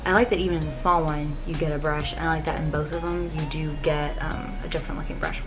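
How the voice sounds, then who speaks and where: Chatty woman giving a makeup tutorial, lower-pitched. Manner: informal and chatty, frequent 'like', gushing asides. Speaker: makeup vlogger. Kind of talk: makeup tutorial, casual first-impression chat to camera. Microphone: recording herself on camera with a ring light. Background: music.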